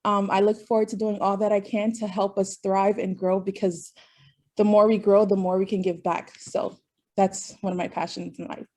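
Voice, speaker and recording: A woman's voice: medium pitch, flat delivery, normal speed, warm tone. A young woman, recent graduate, introducing herself cheerfully on a video call with fillers. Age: young adult. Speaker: club secretary.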